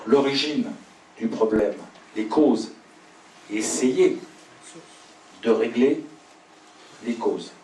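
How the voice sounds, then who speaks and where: A man giving a talk in a pub and answering audience questions, speaking in a measured, deliberate way with pauses between phrases. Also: mid-range voice, darkish tone. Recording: roomy, distant mic, faint pub hum.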